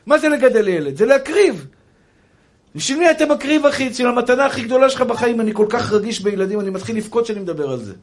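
Young rabbi guy preaching hard, really high voice for a man, keeps saying brother. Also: big pitch swings. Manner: impassioned preaching, addressing listeners as brother. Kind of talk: sermon.

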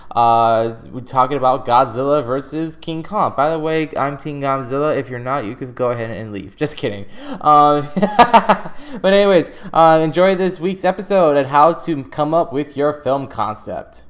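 A man's voice: medium pitch, moderate pace, hardly any pauses. A man hosts a podcast in a casual, chatty way. His mid-range voice comes through muffled, as if he were talking from inside a fishbowl. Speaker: podcast host. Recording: muffled laptop podcast recording.

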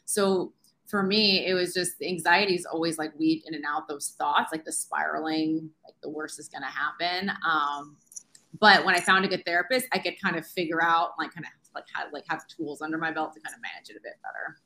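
A woman's voice: low-pitched, brisk, sharp tone. A woman in her thirties speaking candidly as an interview guest, chatty and earnest, filling her sentences with "like". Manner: chatty, uses "like" constantly, earnest. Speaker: guest, science teacher.

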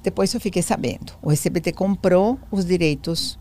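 A woman in her sixties or older, speaking Portuguese with a foreign accent, tells her story as an interview guest in a voice on the low side at normal speed. She's an animated storyteller who acts out the dialogue she quotes and repeats phrases.

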